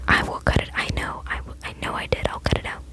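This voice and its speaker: A woman hosting an ASMR video, talking in a soft, giggly, rambling whisper. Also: fast talker. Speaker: ASMR channel host.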